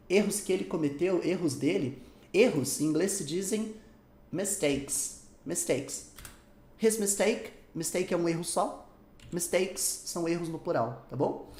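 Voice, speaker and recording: A man teaching an English lesson, animated and drawing out example words slowly for his students. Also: on the high side. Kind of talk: explanatory language lesson. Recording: echoey room.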